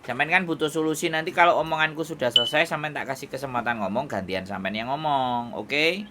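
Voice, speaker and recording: Over a phone call with heavy background noise, a Javanese-accented advisor to migrant workers gives firm advice, lecturing and checking whether he is understood. His voice is medium-pitched and fairly quick.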